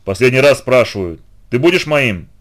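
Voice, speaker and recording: A man voicing Heracles, a loud brutal warrior. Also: mid-range voice, expressive, moderate pace, natural voice. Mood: boastful menace. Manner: loud, threatening, gloating. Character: brutal boastful male warrior demigod.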